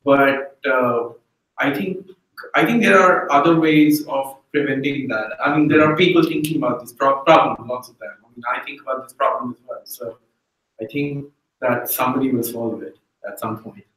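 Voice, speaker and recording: A man's voice: mid-range voice, moderate pace, a bit bright. A man in an informal group discussion, thinking aloud in a conversational way. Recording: very echoey room, distant mic.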